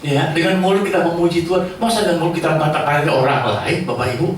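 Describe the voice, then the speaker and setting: A male pastor preaching a sermon to his congregation in a lively, joking way. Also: on the high side, fast, a little hiss or hum. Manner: lively, joking, mimics quoted voices. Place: church. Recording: echoey church hall from far off.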